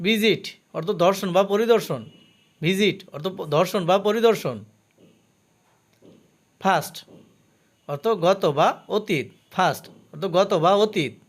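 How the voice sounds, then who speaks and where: A man teaching English vocabulary, saying each word and its meaning twice and stopping to explain the pronunciation. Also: high-pitched. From Bangladesh. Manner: slow, careful drill with pronunciation notes.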